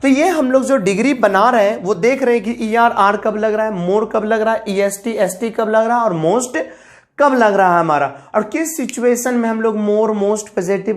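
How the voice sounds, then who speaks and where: A medium-pitched woman teaches an English grammar lesson, explaining it step by step and repeating key terms. She spells words out letter by letter and calls her viewers "guys."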